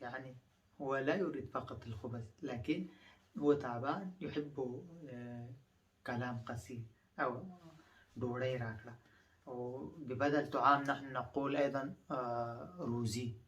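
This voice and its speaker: A male language teacher with a mid-range voice, set back from the microphone. He repeats each phrase several times, then explains it slowly and stops often on thinking sounds. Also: mid-range voice, fairly even intonation, a bit bright, recorded from a distance, highs cut off. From Afghanistan. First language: Pashto.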